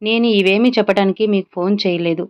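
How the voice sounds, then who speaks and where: Tearful pleading young woman, read by a woman storyteller; smooth, lo-fi. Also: medium pitch, steady tone, fast, natural voice. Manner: pleading, urgent.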